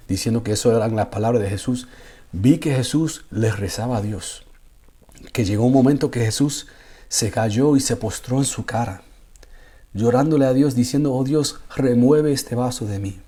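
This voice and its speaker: Mellow-voiced man giving a faith testimony. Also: mid-range voice. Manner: repeats words while searching, building to intense pleading. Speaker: imam. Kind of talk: personal conversion testimony.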